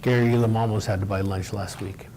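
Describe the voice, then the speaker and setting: A man's voice: fairly low pitch, fairly even intonation, fast talker, darkish tone, a little hiss or hum. A man on a county board, speaking briefly and matter-of-factly and reciting the pledge. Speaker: board supervisor. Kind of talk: meeting remarks and pledge.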